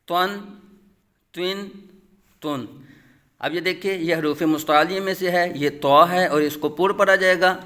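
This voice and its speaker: A man with a Pakistani Urdu accent teaching Quran reading, who stretches each letter name out slowly and then explains the rules in quick, plain sentences. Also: on the high side, fairly bright tone. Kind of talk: slow spelled-out tajweed lesson.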